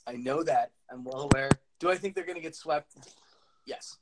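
Male podcast co-host on a choppy online call, his voice glitching into robotic pitch jumps as he rambles casually. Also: moderate pace, heavy background noise. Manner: loose, filler-heavy talk with laughs. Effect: glitchy internet call audio, cutting in and out with robotic pitch jumps. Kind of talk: casual sports chat over an online call.

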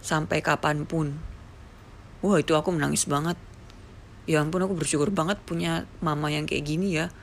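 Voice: medium pitch, fairly even intonation, fairly quick, slight background noise. A speaker in their thirties from Papua, telling an emotional personal story and acting out quoted dialogue. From Papua, Indonesia.

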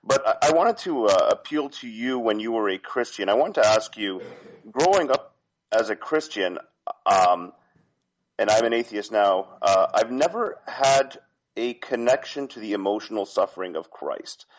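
A man from Canada calling in to a talk show, polite and halting, with many fillers and restarts. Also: lowish voice, animated. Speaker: caller. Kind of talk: phone-in question. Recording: dull lo-fi phone line.

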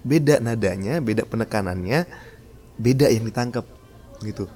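A man's voice: on the low side, animated, moderate pace, warm tone. A man hosting his own podcast, talking casually about public speaking and laughing often. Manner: chatty, laughs often, demonstrates tones. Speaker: podcast host.

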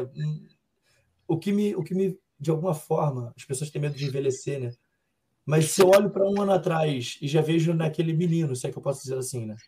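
A young man with a Brazilian accent answers interview questions at an unhurried pace. His voice sits a little higher than most men's, and he talks in a calm, reflective way, musing aloud as he speaks. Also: slightly rough. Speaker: MMA fighter guest.

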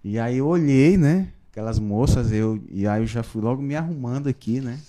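A man, a pastor giving his conversion testimony in a podcast interview, telling it in a lively storytelling way with frequent tag questions. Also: mid-range voice, moderate pace. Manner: storytelling, animated, frequent "né?" tags.

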